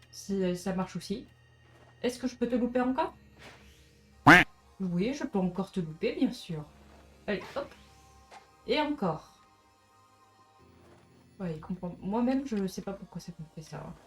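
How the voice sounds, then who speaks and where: A French woman with a medium-pitched, dark voice chats her way through a let's play, talking directly to the creatures and characters on screen. Faint music plays behind her casual commentary.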